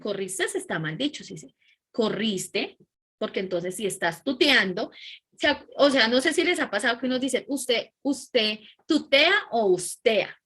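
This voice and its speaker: Lady teaching a class, kinda high voice, lively, keeps asking "¿sí?". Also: normal speed, husky. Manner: animated, keeps checking in with "¿sí?" and "¿listo?". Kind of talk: online class lecture.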